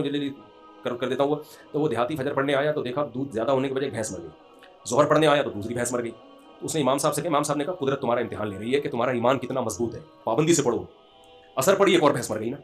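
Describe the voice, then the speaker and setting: A middle-aged man with a Pakistani Urdu accent giving a religious sermon, telling jokes and laughing at them, and reciting scripture slowly. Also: a little high. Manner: storytelling with humor, laughs at own jokes. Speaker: preacher.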